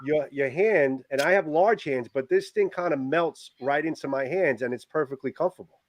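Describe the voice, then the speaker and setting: A man's voice: a little high, normal speed, a little hiss or hum. A man hosting a live stream, talking in a casual, conversational style. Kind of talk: casual product chat.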